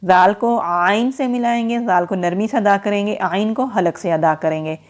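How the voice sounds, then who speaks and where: Woman, recitation teacher, step-by-step lesson, steady explaining, slow drawn-out chanting. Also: mid-range voice. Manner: explains rules slowly and then chants the verse drawn out.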